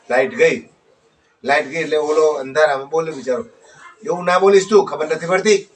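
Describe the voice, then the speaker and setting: A man's voice: mid-range voice, a bit bright. A man telling a rambling folk story and closing with a moral, repeating his phrases. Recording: distant mic with faint background noise.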